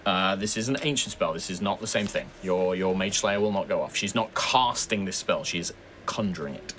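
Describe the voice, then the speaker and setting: A man's voice: low voice, a little fast, a bit bright, slight background noise. A man improvising dramatic, descriptive narration as game master of a tabletop game.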